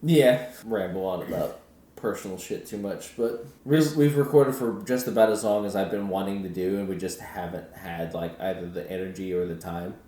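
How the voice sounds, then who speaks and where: A young man with a lowish voice trades laid-back podcast banter, laughing often and drifting into reflective asides. The sound is roomy and echoing. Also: normal speed, mellow. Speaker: podcast co-host. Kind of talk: casual comedic banter. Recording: roomy home recording.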